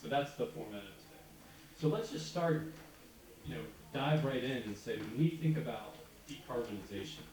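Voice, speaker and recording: Speaking at normal speed and medium pitch, a U.S. moderator leads a panel discussion casually, using informal fillers. The recording comes from a distance in a big, echoey conference hall with an audience present.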